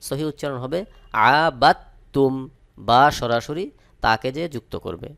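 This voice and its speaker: A man teaching a Quran reading lesson, spelling out each word letter by letter and chanting the verses slowly between plain explanations. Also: mid-range voice, gravelly, fairly bright tone. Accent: Bangladeshi Bengali.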